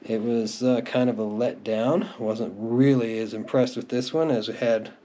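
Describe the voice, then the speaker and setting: His voice is mid-range and dark in tone, level and at normal speed, as a middle-aged man presents his music collection. The narration is casual, unscripted show-and-tell that feels like reminiscing chat, captured on a clearly noisy home recording with clicks.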